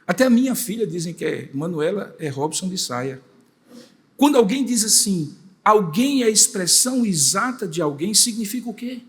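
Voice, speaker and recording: A man's voice: high-pitched, very animated, normal speed, a bit bright. An older man preaching a sermon as pastor, emphatic and full of rhetorical questions and repeated phrases. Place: church sanctuary. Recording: long church reverb.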